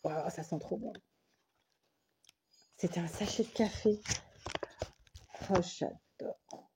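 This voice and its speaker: A woman's voice: fairly low pitch, a little slow, background noise. A woman from France chatting casually to camera while showing a parcel of craft paper, thinking aloud and saying again and again how much she loves each piece. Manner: enthusiastic, keeps saying she loves things; thinks aloud, restarts and trails off. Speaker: vlogger showing mail she received. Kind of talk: casual unboxing chat to camera.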